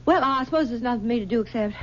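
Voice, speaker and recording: A fairly high, fairly bright voice belongs to an actress portraying a possessive, aging mother in a 1970s radio drama. She coaxes, halting with stammers, and the broadcast sound is dull.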